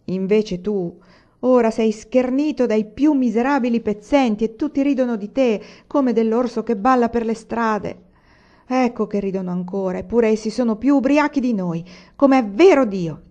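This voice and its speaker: A woman's voice: fairly high pitch, normal speed, warm tone, muffled recording, pitched above the performer's own voice, lightly acted. A woman reading aloud, voicing a brash, tipsy village woman who scolds and taunts the men around her. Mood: taunting.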